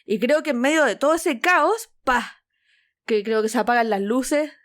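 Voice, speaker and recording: A woman's voice: on the high side, moderate pace. A young woman with a Chilean accent, co-hosting a podcast and telling a story in casual chat, acting out quotes with big swings in her voice. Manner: animated, acts out quotes with big shifts in voice. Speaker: podcast co-host.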